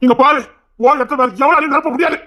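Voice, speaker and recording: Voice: sits high, steady tone, quick pace, fairly bright tone. A performer voicing an anxious young husband in an audio drama who keeps pleading and swearing he is innocent. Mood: defensive.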